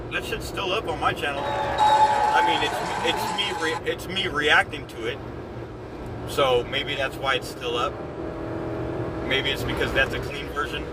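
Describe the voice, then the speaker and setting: A man streams live from his car, ranting in heated, profane commentary that circles back on itself. His voice sits a touch high for a man and comes from well back from the mic. Loud road and traffic noise runs under everything. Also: recorded from a distance. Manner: heated, profane, repeats himself. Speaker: livestream host. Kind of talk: livestream reaction commentary.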